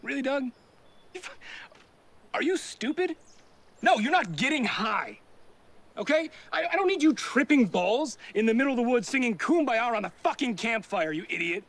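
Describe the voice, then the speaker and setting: A man's voice: fairly high pitch, very animated, a little slow, long pauses. An actor playing a level-headed young male hiker in a film, firm and reassuring, talking outdoors in the woods. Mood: scolding. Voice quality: firm, reassuring, scolds bluntly. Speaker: hiker keeping the group calm. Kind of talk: film acting.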